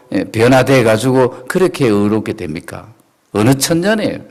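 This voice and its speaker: A middle-aged male pastor preaching a sermon, emphatic and animated, often asking the congregation questions and laughing. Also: mid-range voice.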